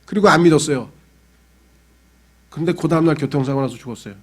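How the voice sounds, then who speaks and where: A man's voice: a little high, fast. A pastor preaching a sermon in a conversational way, acting out the voices of the people he talks about. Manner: conversational preaching, acts out quoted voices of believers.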